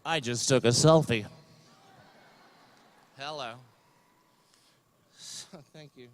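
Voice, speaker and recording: An older man speaks into a podium microphone at a graduation ceremony, his voice smooth and resonant. He rambles through a comic commencement speech, mocking himself and filling his pauses with ums and uhs. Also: mid-range voice. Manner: rambling, self-deprecating, many fillers.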